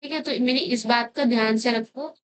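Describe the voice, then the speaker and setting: A woman's voice: on the high side, normal speed. A young woman giving blunt, scolding advice to students, repeating her warnings. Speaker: education vlogger.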